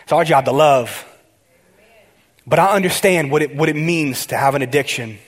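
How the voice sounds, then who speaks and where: High-voiced, excitable male preacher. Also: normal speed. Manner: excitable, talks straight to the congregation with frequent restarts. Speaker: pastor. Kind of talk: conversational sermon.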